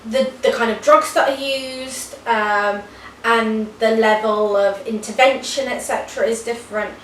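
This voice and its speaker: A woman's voice: fairly high pitch, steady tone, measured pace, a bit bright. A woman in her thirties from the UK, a nurse co-hosting a casual chat, explaining things in friendly detail. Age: 30s. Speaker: co-host, nurse. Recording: roomy, distant camera with faint hiss.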